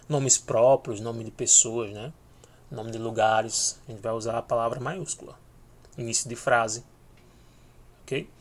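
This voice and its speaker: A man teaching a video lesson, speaking slowly and repeating each letter name for learners to follow. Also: medium pitch.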